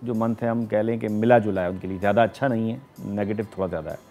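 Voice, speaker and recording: Pakistani-accented male astrologer, middle-aged, low mellow voice, faint music behind. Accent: Pakistani Urdu. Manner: measured, explanatory, frequent hesitations. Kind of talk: studio talk show reading horoscopes.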